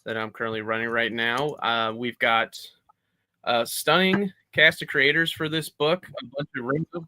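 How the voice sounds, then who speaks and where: A man's voice: mid-range voice, flat delivery, normal speed, pushed and bright, slight background noise. A man talking casually as a comic creator guest over a video call, his internet audio glitching and cutting out.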